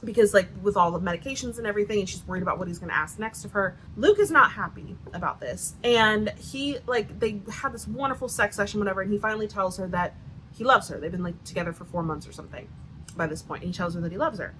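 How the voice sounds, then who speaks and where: A woman's voice: medium pitch, fast talker, a bit bright, a little hiss or hum, rough recording. A woman giving a casual, profane book-review rant, sarcastic and exasperated.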